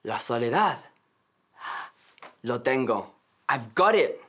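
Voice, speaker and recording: An actor playing a showy male radio DJ in a TV comedy sketch, talking in a dramatic, drawn-out way. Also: mid-range voice, very animated, a bit bright, breathy edge, heavily acted. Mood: hammy. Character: showy male radio DJ making a romance album.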